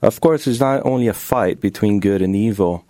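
A man's voice: on the low side, moderate pace, dark tone, dry recording, studio quality. A man from Brazil in his thirties, a doctoral student guest, speaking hesitantly with fillers, English. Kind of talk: interview and spoken prayer.

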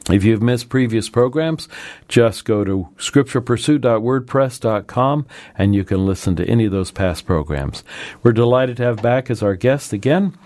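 A man hosting a religious radio program, telling a story in a gentle, measured way and then talking with a guest. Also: on the low side, no echo. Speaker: radio Bible program host.

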